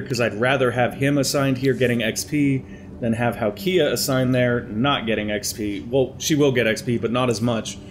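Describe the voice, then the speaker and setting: This clip has a young man at medium pitch narrating a strategy game let's play, with a little hiss or hum on the recording. Speaking into his headset mic, slightly stuffed up from allergies, the gaming commentator chats as he works out his next moves aloud.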